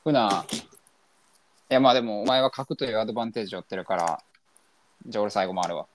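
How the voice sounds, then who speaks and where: A man with a Kansai accent co-hosting a casual podcast, teasing his partner during a word game and laughing readily. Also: a little hiss or hum. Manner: teasing, quick laugh, jumps high in pitch. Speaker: podcast co-host.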